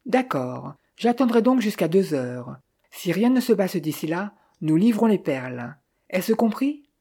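A reader voicing an idle, impatient young man in an audiobook, talking in a brisk way. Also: mid-range voice, very animated, warm tone, breathy edge, heavily acted.

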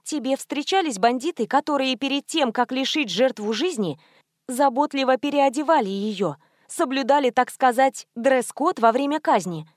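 A woman's voice: high voice, expressive, moderate pace, no room sound, studio quality, pitched above the performer's own voice. Woman playing a sardonic, chiding male boss. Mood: sarcastic. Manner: sarcastic, chiding. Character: sardonic male special-department boss, stern and impeccable. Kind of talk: audiobook character voice.

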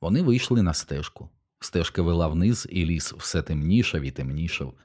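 A man narrating an audiobook in a steady, measured way. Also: low voice.

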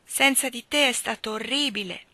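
A woman reading aloud, voicing an eager, hopeful young boy in an excited, pleading way. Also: fairly high pitch, moderate pace, dry recording, pitched above the performer's own voice.

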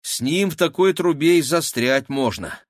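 A man's voice: fairly high pitch, lively intonation, moderate pace, no room sound, clean studio sound, pitched above the performer's own voice, close to an everyday voice. A man reading as a level-headed teenage boy. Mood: glum. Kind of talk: audiobook character voice.

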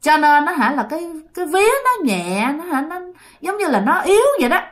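A woman voicing a gentle elderly mother who soothes and explains softly to her ghost daughter. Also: high-pitched, very animated, brisk, pitched above the performer's own voice. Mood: soothing.

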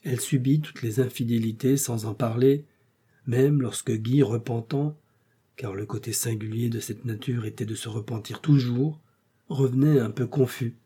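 A man narrating a classic novel in a steady, measured reading. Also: mid-range voice, slightly rough. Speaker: audiobook narrator.

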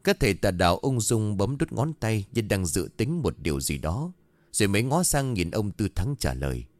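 A man narrating a horror story in a dramatic, expressive way. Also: fairly low pitch, moderate pace, no echo. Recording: faint background music.

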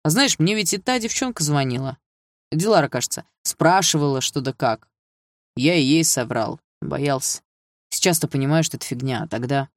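A man's voice: a little high, animated, normal speed, dry recording, clean studio sound. A man doing a whiny, guilty young guy. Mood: nervous. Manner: rambling, pleading, slangy. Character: nervous young man, guilty, whining excuses.

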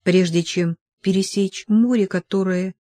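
Woman reading young noblewoman, gentle, sorrowful, soft, audiobook, dry. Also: medium pitch, fairly even intonation, measured pace, no echo, close to an everyday voice. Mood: gentle, sad.

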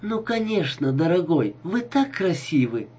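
A man's voice: on the high side, big pitch swings, a little slow, darkish tone, husky, pitched above the performer's own voice, exaggerated voice. A man doing a coy scheming young woman. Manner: coy, teasing.

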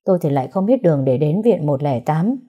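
Người đọc nữ, giọng thấp, khàn hơi thở, kể chuyện tâm tình chậm rãi. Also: female voice, low-pitched, animated, fairly quick, mellow, dull audio. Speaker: storyteller. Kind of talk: first-person story narration.

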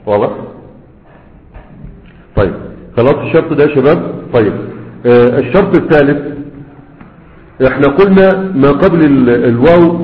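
A man with an Egyptian accent gives a classroom grammar lesson at a quick clip, in a slightly raised voice. He keeps asking the class questions and answering them himself. The sound is tinny and thin, with a long hall echo behind it. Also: on the high side. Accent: Egyptian Arabic. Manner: explains step by step, asks and answers his own questions. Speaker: grammar teacher. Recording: echoey hall over tinny phone-like sound.

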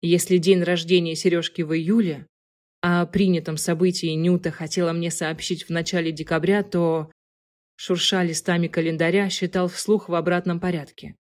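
A woman narrating an audiobook in a calm, soft, even manner. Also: lowish voice, moderate pace.

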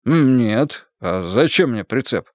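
A man's voice: medium pitch, lively intonation, takes it slowly, dry recording, studio quality. A man voicing a cheerful, teasing young man in an audiobook. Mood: amused. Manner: easygoing, teasing. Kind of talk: audiobook character voice.

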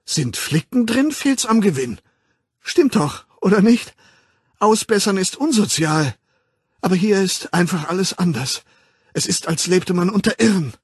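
A weepy, gossipy woman whines and pleads in a high, wildly swinging voice, put on by a man reading a storybook. The tone is husky, and the recording is dry and close, with no room sound. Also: expressive, measured pace, no room sound, exaggerated voice. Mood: pleading, tearful. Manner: high, pleading and whining, breaking into whispers. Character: distraught middle-aged woman, tearful, gossipy, self-pitying.

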